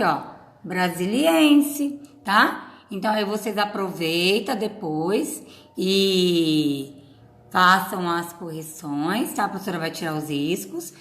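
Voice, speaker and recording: A woman's voice: medium pitch, fairly bright tone. A woman teacher from Paraná with a Paraná Portuguese accent, giving a recorded class to children, patient and stretching out syllables. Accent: Brazilian Portuguese from Paraná. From Paraná, Brazil. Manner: patient, drawn-out syllables, frequent "tá?". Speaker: schoolteacher. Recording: echoey room.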